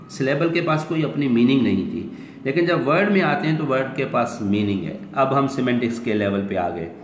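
Man teaching, in an echoey room. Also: medium pitch. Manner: explains step by step, asks questions and answers them himself; slows down and stretches out English phrases. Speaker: English language teacher. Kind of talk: online class lecture. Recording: roomy echo with long reverb, faint noise.

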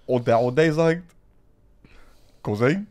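A man's voice: a little high, normal speed. A man telling a funny story in casual street slang, laughing often as he goes. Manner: animated, slangy, keeps saying "Bruder".

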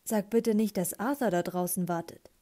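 A woman's voice: mid-range voice, normal speed, warm tone, natural voice. A woman voicing a grumpy young man who speaks in an offended, grumbling way. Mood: sulky.

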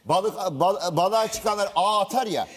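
A man's voice: sits high, normal speed, a loud crowd. A man on a TV panel, explaining in a folksy way with chuckles. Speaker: TV panel commentator. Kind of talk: panel chat.

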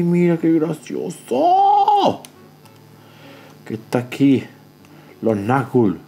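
Excitable low-voiced man unboxing a game. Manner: excitable, pleading and self-talking. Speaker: board game channel host. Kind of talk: casual unboxing commentary. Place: indoors at a table, off camera.

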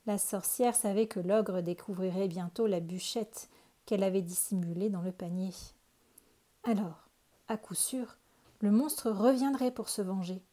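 A woman calmly reading a children's picture book aloud. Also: mid-range voice. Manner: calm, unhurried storytelling. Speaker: storyteller.

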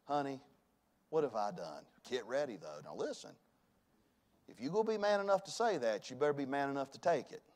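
A man, preaching a sermon in a church. He swings from loud emphasis to hushed tones. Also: medium pitch, big pitch swings, fast. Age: 40s. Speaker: pastor. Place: church sanctuary.

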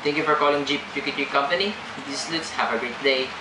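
Polite young male call center agent, acted by a man, halting scripted role-play, echoey and very noisy. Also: on the high side, close to an everyday voice. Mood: polite, instructing. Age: young adult. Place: small indoor room. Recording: echoey room, loud background hum.

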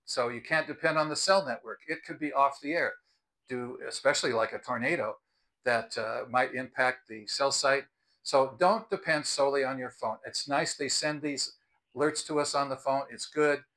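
A mid-range, pushed and bright voice at a moderate pace comes from an American man in his sixties who hosts videos and reviews products. He earnestly explains and advises while talking to camera on a house's front porch outside. Sound is recorded with a clip-on lapel mic.

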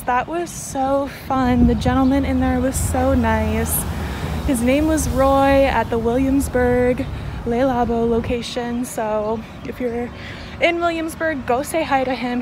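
A woman's voice: high-pitched, slow. A young woman in her twenties chatting casually to a phone at arm's length while walking outdoors in the city. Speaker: vlogger. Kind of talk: casual vlog narration. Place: city street and waterfront park outdoors. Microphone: phone held at arm's length. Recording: outdoor street noise from traffic. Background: city traffic.

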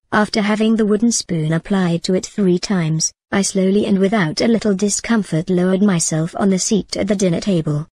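A woman reading a story aloud in a measured, even manner. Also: medium pitch, slightly rough, no room sound. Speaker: narrator. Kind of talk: storybook narration.

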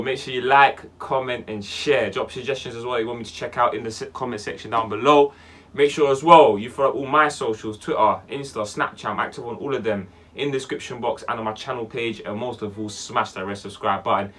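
A music reaction channel host, a young Londoner in his twenties, banters casually with plenty of slang. His delivery lurches from loud outbursts to low mutters, all recorded in a small, dark indoor room.

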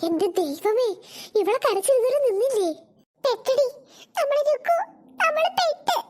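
Very high squeaky little cartoon schoolgirls, chattering and giggly. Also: big pitch swings, normal speed, a little mellow. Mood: anxious. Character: chattering young schoolgirls, cheeky and gossipy. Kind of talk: cartoon voice acting.

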